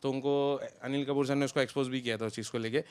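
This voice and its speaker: A young man chats loosely as an interview guest, talking about a friend in relaxed, run-on sentences. His mid-range voice is smooth and fast, with no room sound at all.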